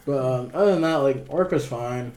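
A man's voice: mid-range voice, moderate pace, darkish tone, a little hiss or hum. A young man in casual chat as a podcast co-host, talking like a frat bro, with lots of slang and swearing.

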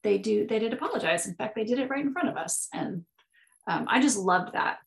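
A woman's voice: mid-range voice, lively intonation, fairly quick, creaky. A woman co-hosting a casual faith-based parenting podcast, speaking thoughtfully with frequent "like" and "um". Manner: thoughtful, hedging with "like" and "um". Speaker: podcast co-host.

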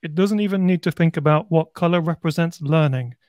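A man's voice: fairly high pitch, a little fast, darkish tone, no room sound, studio quality. A man from Birmingham with a light Birmingham accent, talking casually on a panel discussion and thinking aloud. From Birmingham, England. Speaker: podcast panelist.

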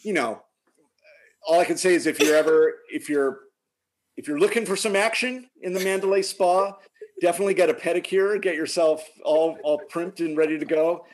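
A man with a slightly high voice spins an animated, chatty anecdote and keeps breaking into laughter. the telling is casual and lively. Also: moderate pace. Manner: animated storyteller, laughs often. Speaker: guest telling a story. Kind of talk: casual chat.

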